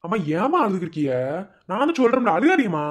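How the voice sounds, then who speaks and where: A man's voice: high-pitched, sing-song, background noise. A man voicing a grown village son in a cartoon, coaxing his mother in a Madurai Tamil accent. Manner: brisk, coaxing.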